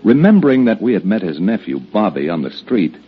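An actor playing an earnest cowboy hero who also narrates, in an old radio western. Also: male voice, fairly low pitch, very animated, a little fast, breathy edge, soft background music. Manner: firm and earnest. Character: steady heroic cowboy, male, narrator. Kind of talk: 1940s radio acting. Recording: dull old radio recording.

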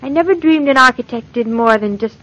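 An actress playing a cheerful, affectionate young newlywed wife in an old-time radio drama. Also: female voice, high voice, brisk, fairly bright tone. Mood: affectionate, playful. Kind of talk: 1950s radio drama acting. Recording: muffled old radio transcription.

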